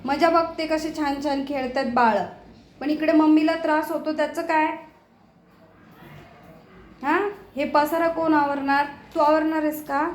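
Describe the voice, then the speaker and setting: A woman's voice: high voice, fairly even intonation, a little slow, long pauses, echoey room, a little hiss or hum. A woman talking to her pets in a home kitchen, scolding them fondly in exasperated baby talk. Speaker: pet owner filming her cats. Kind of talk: casual home video chatter to pets.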